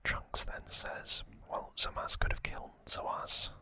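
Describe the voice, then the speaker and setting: In short, deliberate phrases, an ASMR channel host gives a recap, his voice a soft, breathy whisper with no voicing.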